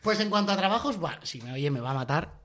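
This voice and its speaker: A young man from the Basque Country, co-hosting a comedy podcast and telling stories in animated chat, acting out the voices of others. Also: a little high, fast talker. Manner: animated storyteller, acts out voices.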